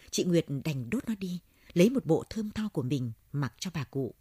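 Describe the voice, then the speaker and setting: A woman narrating a novel in a steady storytelling manner. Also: sits low, husky, no echo, clean studio sound. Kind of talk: audiobook narration.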